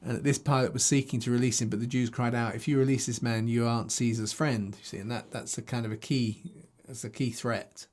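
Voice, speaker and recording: A man's voice: medium pitch, fairly even intonation, a little fast, hardly any pauses, darkish tone. A man reading scripture aloud and teaching on it in a conversational way, thinking aloud with restarts, recording himself to a video camera. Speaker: Bible teacher. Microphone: self-recorded to a video camera.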